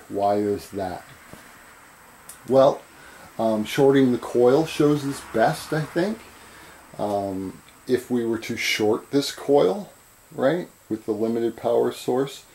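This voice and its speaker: A man giving an informal chalkboard lecture as an instructor, halting and repetitive, often checking in with "right?". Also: fairly low pitch, mellow, rough recording. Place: indoors at a chalkboard.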